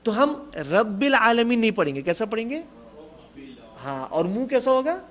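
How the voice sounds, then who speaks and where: A man teaching Quran recitation in a tajweed class, encouraging his students and demonstrating the verses in a slow, drawn-out chant. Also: extremely high pitch, very animated. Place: classroom in Jeddah.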